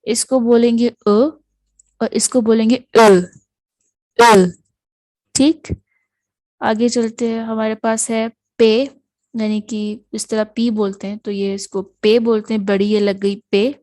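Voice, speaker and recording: A woman's voice: on the high side, flat delivery, warm tone, no echo, poor audio. A woman teaching the alphabet of a new language, patiently saying each letter sound and repeating it. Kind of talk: alphabet lesson, slow explanation.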